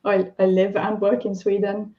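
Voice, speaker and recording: A woman's voice: medium pitch, little pitch movement, moderate pace. Chatty woman on a dull call line. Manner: chatty, hesitant, with many ums and laughs. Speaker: software developer and accessibility specialist. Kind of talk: casual chat on a live stream.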